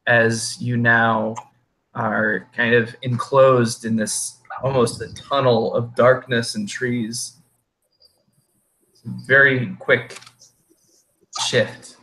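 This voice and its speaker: Male game master, slow and halting, bright edge to the voice, faint noise behind. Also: medium pitch, rough recording. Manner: halting, improvised delivery. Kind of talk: improvised tabletop game narration.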